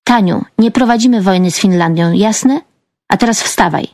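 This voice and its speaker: This is a strict, commanding mother in an audiobook, sharp and scolding , as a woman narrator plays her. The voice stays close to the reader's own pitch and sounds dry. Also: normal speed, no room sound, close to an everyday voice. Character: stern, strict middle-aged mother.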